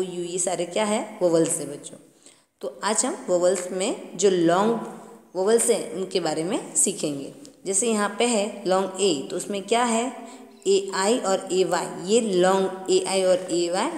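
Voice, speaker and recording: An Indian woman teaches little children their long vowel sounds, moving between Hindi explanation and slow, careful English. Her pace is unhurried throughout. The recording is roomy, with a long echo hanging after her words. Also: mid-range voice, darkish tone. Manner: explains in Hindi and slowly reads English lines aloud. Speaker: kindergarten teacher. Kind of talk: phonics lesson for young children. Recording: echoey room with long reverb.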